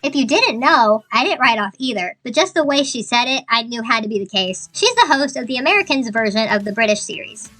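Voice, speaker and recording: Chatty woman doing a show recap, bright voice a bit high, music under it. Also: expressive, brisk, few pauses. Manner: chatty, jokey asides. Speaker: host. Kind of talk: episode recap commentary. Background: background music.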